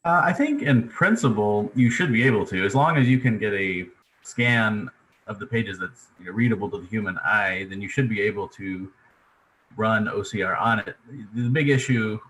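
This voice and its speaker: A man's voice: on the low side, moderate pace, a bit bright, slight background noise, low-quality recording. A man answering a technical question in an online Q&A with a hedged, practical explanation, speaking over a video call. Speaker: fellow working on OCR.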